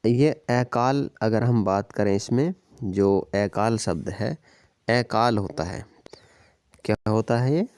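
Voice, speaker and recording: Male tutor, low mellow voice, exam-prep language lesson, steady explanatory delivery with frequent check-ins. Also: takes it slowly, clear, resonant tone, no room sound, clean studio sound. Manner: explains step by step, repeats "ठीक है" and "याद रखिएगा". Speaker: teacher.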